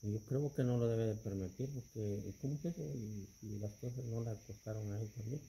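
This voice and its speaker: A middle-aged man talks calmly and unhurriedly as he reacts to a video. His voice is very dark and mellow, with a faint hum of rural sounds behind him in a small room. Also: lowish voice, vocal fry, rough recording. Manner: calm, explanatory, unhurried. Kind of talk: casual reaction chat. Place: small indoor room, wooden wall.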